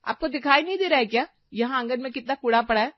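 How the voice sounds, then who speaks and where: Gossipy young daughter-in-law, shrill and accusing, high voice, woman voicing. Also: lively intonation, normal speed, no room sound, muffled recording, close to an everyday voice.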